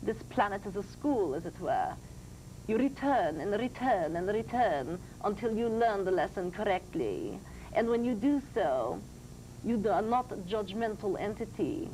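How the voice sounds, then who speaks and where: A seance medium's trance voice, pitched high like a woman's. The spirit is serene and grand, teaching in formal, deliberate phrases. There is some noise from an old TV broadcast. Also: sing-song, a little mellow, low-quality recording. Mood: solemn teaching.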